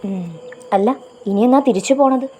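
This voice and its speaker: A woman reading a story aloud, voicing a playful young female friend who talks in a lowered, teasing voice. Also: moderate pace, mellow, a little hiss or hum, lightly acted.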